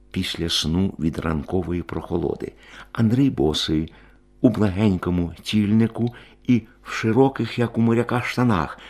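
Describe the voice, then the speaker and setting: Gravelly male storybook narrator. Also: deep voice. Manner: expressive reading, rising and loud in tense moments.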